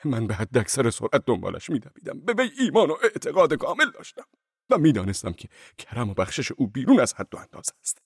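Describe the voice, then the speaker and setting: An actor playing a frantic, fervent fugitive monk in an audiobook drama, swinging between cries and hushed whispers. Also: male voice, medium pitch, huge pitch swings, slightly rough, no room sound, clean studio sound, heavily acted. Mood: fearful, hushed.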